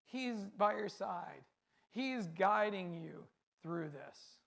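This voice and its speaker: A man's voice: high-pitched, animated, slow pace, vocal fry, a bit bright. A man preaching a sermon, speaking earnestly in a repetitive cadence and often asking rhetorical questions.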